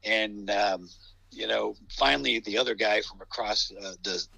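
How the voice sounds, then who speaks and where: Very bright-voiced man, rueful. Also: on the low side, steady tone, a little slow, gravelly, breathy edge, no echo, rough recording. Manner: wry, rueful storytelling. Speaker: basketball referee. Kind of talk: casual anecdote telling.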